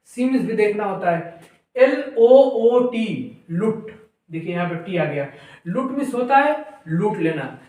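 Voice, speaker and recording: Echoey man teaching phonics. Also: high-pitched. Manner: spells words out slowly, letter by letter, louder; asks viewers questions, then answers them. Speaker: English teacher. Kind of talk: phonics lesson to viewers. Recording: very echoey room, voice from a distance.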